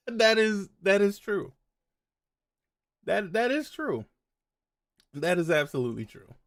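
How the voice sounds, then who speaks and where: A man's voice: high-pitched, sing-song, slow pace, pauses often, fairly bright tone. A man hosting a podcast, reacting to clips with a profane, mocking, laughing rant. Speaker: podcast host. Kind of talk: reaction commentary.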